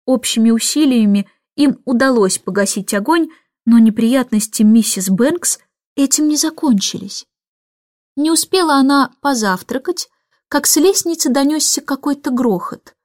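A woman reading a children's storybook aloud with lively, expressive narration. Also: high voice, moderate pace, no echo, studio quality. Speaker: reader.

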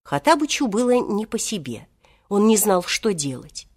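Expressive woman reading a children's tale. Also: mid-range voice, moderate pace, husky. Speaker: narrator.

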